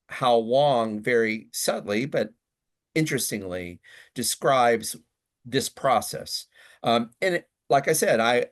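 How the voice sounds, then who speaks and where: A man's voice: medium pitch, a bit bright. Careful, hedging man on a podcast. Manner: careful, hedging, restarts to qualify points. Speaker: podcast co-host. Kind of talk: casual academic discussion.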